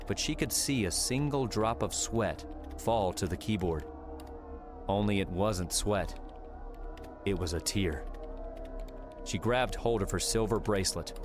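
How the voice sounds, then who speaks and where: This male audiobook narrator has a fairly low pitch and reads a little slowly, leaving long pauses. His storytelling is dramatic and scripted, with music under the voice.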